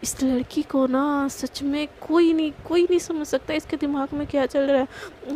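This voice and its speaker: A woman's voice: high-pitched, warm tone, a little hiss or hum. A young woman casually narrating a story in a chatty, emphatic way. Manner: chatty, emphatic, filler-heavy.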